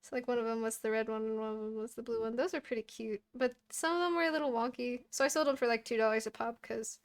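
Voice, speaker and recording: A woman who makes and sells handmade plushies, talking in a relaxed, rambling way in a casual chat with friends. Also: on the high side, quick pace. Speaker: crafter selling handmade plushies.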